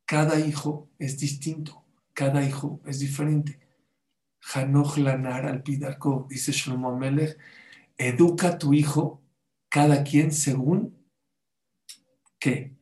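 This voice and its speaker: Man, religious teacher, sermon delivery, rhetorical questions, fairly high voice. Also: steady tone, takes it slowly, pauses often, a little mellow, echoey room. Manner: asks the audience rhetorical questions, cites Hebrew sources. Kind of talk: sermon-style talk on parenting.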